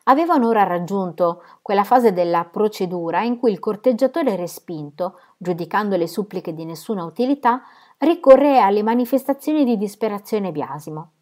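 A woman reading a novel aloud in a measured, expressive audiobook style. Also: mid-range voice. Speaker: reader.

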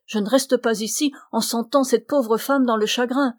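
Woman reader playing an older mother, emotional and fearless, fast and loud, storybook. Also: a little high, steady tone, no echo, natural voice. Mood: determined. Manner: breathless, emotional.

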